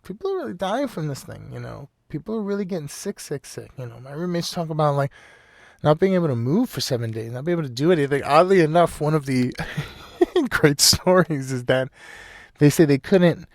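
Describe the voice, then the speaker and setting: A man's voice: fairly high pitch, animated, brisk, gravelly, dry recording, clean studio sound. A man hosting a casual solo podcast, rambling loosely with lots of "you know" and frequent laughs. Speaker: podcast host.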